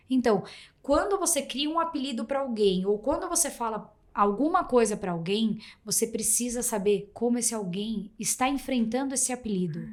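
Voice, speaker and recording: A woman hosting a podcast, speaking with a Brazilian Portuguese accent in a slightly high voice. She tells stories in an animated way and acts out her child's replies. Her sentences ramble, with frequent restarts. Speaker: podcast host. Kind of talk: casual interview chat.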